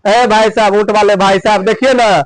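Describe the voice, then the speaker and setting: A man voicing an even lazier young villager, grumbling back. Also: high-pitched, normal speed, dry recording, close to an everyday voice, rough recording. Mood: lazy grumbling.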